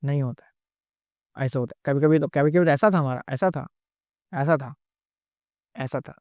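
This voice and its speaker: Guy teaching trading, goes over each step again and again, slightly high voice. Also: moderate pace, darkish tone, no room sound, studio quality. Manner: repetitive, explaining step by step. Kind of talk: screen-recorded lecture.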